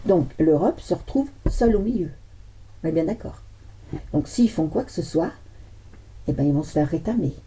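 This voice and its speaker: A woman's voice: low voice, lively intonation, moderate pace, long pauses, dark tone, breathy edge. A woman tarot card reader chatting casually, rambling with many restarts and joking asides. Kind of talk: casual chat.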